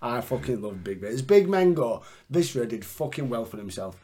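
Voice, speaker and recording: Man, podcast host, excitable, sweary, casual chat. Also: mid-range voice, brisk. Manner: profane, excitable.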